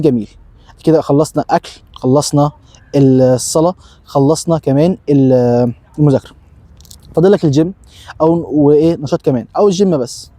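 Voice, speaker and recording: A man's voice: on the high side, mellow, no echo. A young man with an Egyptian accent gives a casual step-by-step lesson. He asks himself questions and answers them, and often repeats short phrases. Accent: Egyptian Arabic. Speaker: self-help video host. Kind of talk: casual instructional talk.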